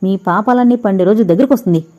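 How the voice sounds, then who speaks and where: A woman voicing a defiant young woman who answers with sharp, scornful retorts, read in an audiobook with a dull, lo-fi sound. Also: mid-range voice, fast, lightly acted. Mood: accusing. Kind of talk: audiobook character reading. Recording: dull lo-fi recording.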